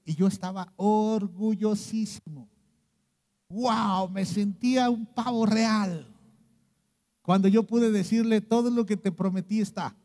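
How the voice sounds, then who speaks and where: Man, Mexican accent, middle-aged pastor, sermon, mellow tone, long church reverb. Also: steady tone, takes it slowly. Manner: impassioned, swinging between loud outbursts and hushed low lines.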